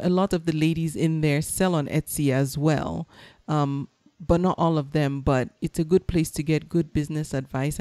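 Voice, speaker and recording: A woman's voice: low voice, warm tone, dry recording. A woman from Nigeria hosting a podcast, chatting casually with a guest and laughing often. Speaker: podcast host. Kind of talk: casual interview chat.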